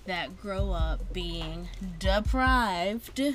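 A woman co-hosting a casual chat with her best friend, animated and quick to laugh, often repeating words as she gets going. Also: lowish voice. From United States. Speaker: podcast co-host.

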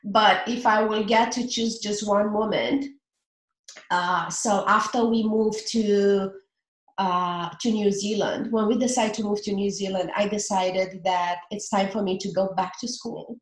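A Romanian-accented woman in her forties, a relationship coach, speaks earnestly in a casual interview and often pauses on filler words. Her pitch is medium and her intonation fairly even, with a roomy sound to the recording.

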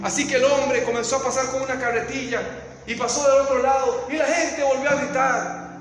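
A man with a Latin American Spanish accent preaching a sermon, telling a story dramatically and swinging from hushed tones to shouts. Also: very high-pitched, flat delivery, brisk, roomy sound, long reverb tail, a little hiss or hum, poor audio.

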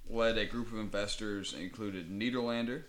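Low-voiced man in relaxed podcast chat. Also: normal speed. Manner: relaxed, reads out details with filler ums. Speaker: podcast co-host. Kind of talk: casual conversational chat.

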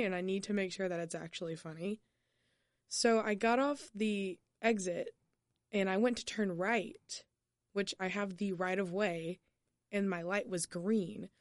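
A woman with a hoarse voice, co-hosting a podcast in casual chat and making wry, teasing asides. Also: mid-range voice, a little mellow, dry recording, studio quality. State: hoarse, lost voice. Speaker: podcast co-host.

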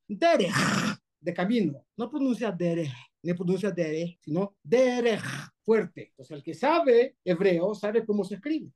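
This pronunciation lesson is taught by a rabbi whose voice sits high with a darkish tone and who has a Colombian Spanish accent. Emphatic throughout, he demonstrates sounds by repeating and exaggerating them, then checks whether the class is following.

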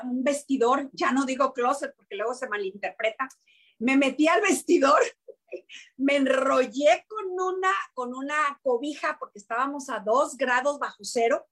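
A middle-aged Mexican woman in an interview, telling a personal story with lively, repeated restarts. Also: sits high. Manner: animated storytelling, many repetitions and restarts. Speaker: interviewee, network marketing leader.

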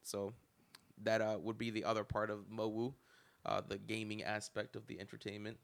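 A man's voice: fairly low pitch, completely flat delivery, moderate pace, creaky. A young man hosting a casual podcast chat, joking and laughing often. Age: young adult. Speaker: podcast host.

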